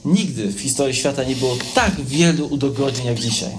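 A man's voice: mid-range voice, brisk. A man preaching a sermon in a conversational way, often checking in with his listeners. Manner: conversational, addresses listeners directly with frequent "tak?". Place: church hall with a live audience. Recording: echoey hall with background noise.

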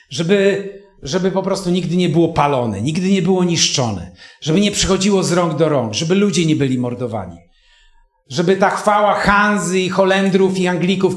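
A man's voice: on the high side, echoey room. A man in his fifties from Poland, preaching in an earnest, emotional storytelling manner and speaking directly to his listeners. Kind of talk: sermon with personal storytelling.

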